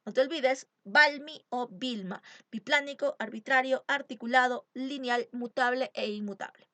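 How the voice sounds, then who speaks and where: A woman's voice: sits high, moderate pace, sharp tone. A woman teacher giving an exam-prep lecture, stressing key terms and asking rhetorical questions. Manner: emphatic, asks rhetorical questions.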